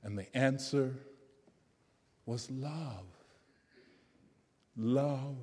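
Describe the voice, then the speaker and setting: A male storyteller tells a folk tale in a slow, gentle voice. His pitch sits a little high for a man, and the long reverb of a large hall rings behind his words. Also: lively intonation, a little hiss or hum. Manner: slow, gentle, softening to quiet.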